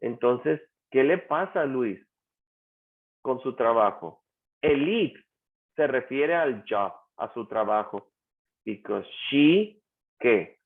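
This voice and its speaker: A man's voice: medium pitch, animated, slow. A male teacher taking an online class through grammar examples, patiently asking questions and repeating the answers. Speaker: English teacher. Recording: tinny phone-like call audio.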